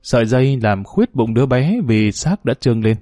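Mellow-voiced male narrator. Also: medium pitch, no echo, clean studio sound. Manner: steady, measured storytelling. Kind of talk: storytelling narration.

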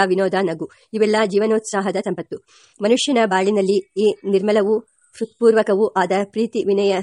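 A woman reading a memoir aloud as an audiobook, steady and unhurried, with small restarts. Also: mid-range voice, no room sound, studio quality. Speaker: audiobook reader.

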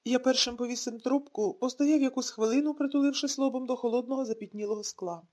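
A woman narrating an audiobook in a calm, reflective storytelling manner. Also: sits high, quick pace. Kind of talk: scripted narration.

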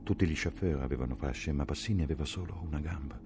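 A man reading a novel aloud as an audiobook, in a measured, slow and grave dramatic narration. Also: a bass voice, vocal fry. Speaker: audiobook reader.

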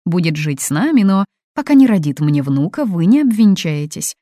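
A woman reading an audiobook, voicing a domineering, controlling middle-aged mother who talks loud and imperious. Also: fairly low pitch, big pitch swings, moderate pace, no room sound, studio quality.

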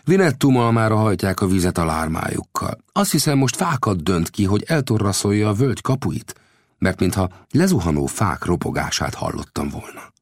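A man's voice: on the low side, sing-song, dry recording, studio quality, voice pushed up. A man reading aloud and voicing a proud, blunt old frontier scout in a raised, commanding voice. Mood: scornful.

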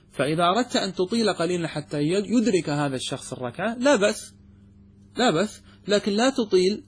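A male teacher goes through a classical text line by line for his students. His voice sits a little high and has a husky edge. He repeats himself, restarts phrases, and keeps checking that they have understood. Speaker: sheikh teaching fiqh.

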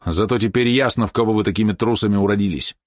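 A man's voice: lowish voice, fast talker, no room sound, studio quality, lightly acted. A man reading aloud, voicing a proud, hot-tempered boy who answers with scorn. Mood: scornful. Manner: sullen, scornful retorts.

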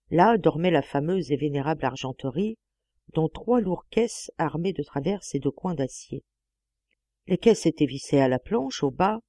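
A woman narrating a classic novel as an audiobook, with a measured, expressive reading on a close mic. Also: deep voice, no room sound. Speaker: audiobook reader.

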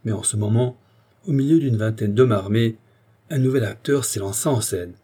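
A man narrating a classic novel as an audiobook, with expressive, theatrical delivery. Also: fairly low pitch, normal speed, slightly rough.

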